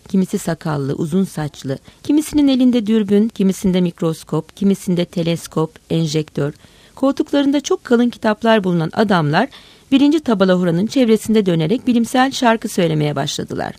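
A woman's voice: mid-range voice, animated, moderate pace, warm tone, dry recording. A woman reading a satirical story aloud in an emphatic, dramatic way.

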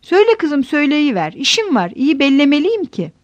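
A woman's voice: high voice, big pitch swings, brisk, no echo, lo-fi sound, pitched above the performer's own voice. A woman voicing a feverish, prying middle-aged village headman who keeps pressing with repeated questions. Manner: insistent, repetitive questioning.

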